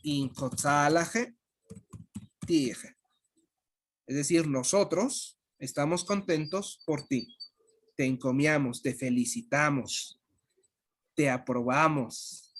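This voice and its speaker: A language teacher walks through pronunciation in an online lesson, unhurried and deliberate. The voice sits at a middle pitch and repeats each sound with patience. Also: husky.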